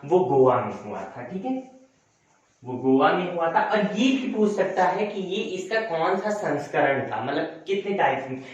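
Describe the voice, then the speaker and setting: Echoey, distant male teacher. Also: fairly high pitch. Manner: repetitive, self-correcting, addresses viewers as friends. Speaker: exam coaching teacher. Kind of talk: classroom lecture. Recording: very echoey room, distant mic, dull sound.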